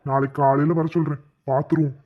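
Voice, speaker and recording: A stern, bossy village father in a cartoon, played by a man, giving gruff orders. His husky voice comes through a tinny, phone-like sound. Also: on the high side, flat delivery, fast, natural voice.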